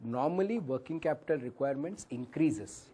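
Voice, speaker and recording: A man's voice: mid-range voice, expressive, normal speed, mellow, slightly rough. A man with an Indian English accent teaching a valuation workshop, whose voice cracks at times; he calls the listeners sir and drops into Hindi phrases. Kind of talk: classroom lecture with audience questions.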